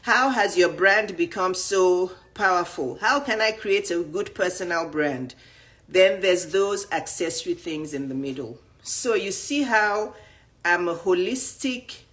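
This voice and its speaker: This woman, a dating and life coach, addresses the camera directly in a blunt, emphatic way and rattles through lists of questions. She has a medium-pitched, fairly bright voice.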